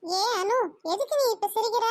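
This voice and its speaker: A woman's voice: very high voice, moderate pace, dry recording, clean studio sound. A woman voicing a bossy middle-aged mother in a cartoon who scolds and fusses over her daughter's marriage. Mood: fussing. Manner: scolding, fussing. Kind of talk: cartoon voice acting.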